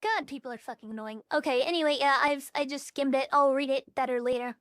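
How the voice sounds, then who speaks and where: A fast-talking young woman streams live as a VTuber, chatting casually with blunt, profane, scattered remarks. Her high voice is a bit bright, filtered through a voice changer lowered to a more natural tone, with no echo.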